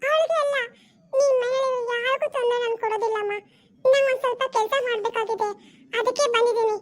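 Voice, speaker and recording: Woman doing solemn girl-spirit, very high thin voice, firm and bargaining. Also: slight background noise. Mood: stern. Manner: stern and bargaining, slow and solemn. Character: female spirit possessing a young girl, calm and firm. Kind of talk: home-made family drama.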